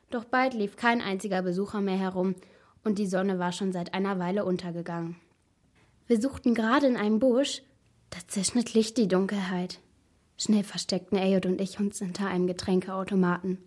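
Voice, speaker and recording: A woman's voice: mid-range voice, darkish tone. Woman narrating a tense storybook. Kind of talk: first-person storybook narration.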